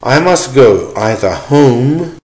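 A man reading a dictation exercise as a teacher, in short, measured, deliberate phrases with punctuation spoken aloud. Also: medium pitch, big pitch swings, darkish tone. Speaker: language teacher giving dictation.

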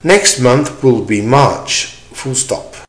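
Slow-paced man reading out a dictation. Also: mid-range voice, animated. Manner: deliberate, measured phrasing in short segments. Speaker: language teacher giving dictation. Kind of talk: slow repeated dictation exercise, reading punctuation aloud.

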